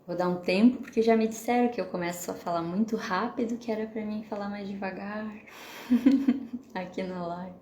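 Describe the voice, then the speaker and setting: A woman therapist with a Brazilian Portuguese accent, hosting a live stream. She explains calmly and keeps checking in with the viewers with questions. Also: medium pitch, moderate pace, reverberant, slight background noise. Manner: explanatory, asks the audience questions, frequent "né?".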